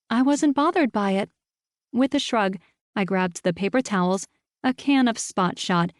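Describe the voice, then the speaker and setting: A woman reading a cozy mystery audiobook in the first person, with animated, self-mocking storytelling. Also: medium pitch, no room sound, clean studio sound. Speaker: audiobook narrator.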